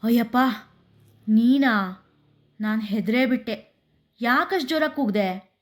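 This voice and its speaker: A woman's voice: fairly high pitch, animated, moderate pace, close to an everyday voice. Woman voicing a bold village girl, offhand, unbothered, defiant.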